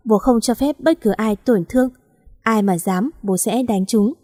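A woman's voice: fairly high pitch, a little slow, dry recording, clean studio sound, faint music behind. A woman doing a tender, protective father. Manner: gentle and heartfelt.

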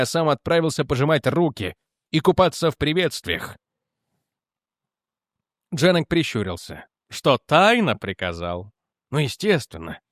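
A man narrating a science fiction novel in a measured, steady reading voice. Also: a little high, no room sound, studio quality. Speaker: audiobook narrator.

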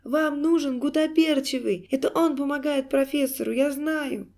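Woman as a cowering dwarf clown: high, begging, whimpering, mellow-toned. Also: moderate pace, lightly acted. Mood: shrieking. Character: frightened pleading male dwarf clown.

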